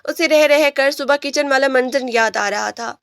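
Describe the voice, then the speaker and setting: Audiobook narrator: a woman with a high voice telling a romance steadily, close dry mic. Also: gravelly, dry recording. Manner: steady storytelling. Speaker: novel narrator.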